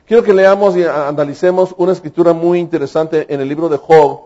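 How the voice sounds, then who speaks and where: A man's voice: on the high side, steady tone, fast talker, dark tone. A man, preaching a sermon with emphatic, fervent delivery. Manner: emphatic, rising to fervent exclamations. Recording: dull lo-fi recording.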